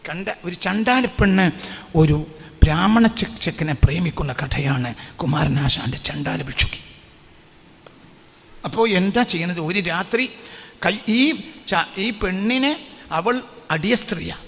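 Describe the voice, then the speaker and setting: A man's voice: high-pitched, animated, unhurried, creaky, pauses often, long reverb tail. A male preacher, giving a sermon. He puts questions to the listeners, repeats phrases for emphasis and recites Arabic lines. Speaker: Islamic preacher. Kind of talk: sermon with call-and-response questions.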